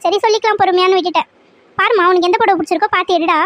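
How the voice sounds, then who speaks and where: Fields: Figure: boastful middle-aged aunt voiced by a woman. Pitch: very high. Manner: fussy. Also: fairly even intonation, racing, a bit bright, no echo. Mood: explaining. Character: proud middle-aged aunt arranging a wedding. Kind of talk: cartoon serial voice acting.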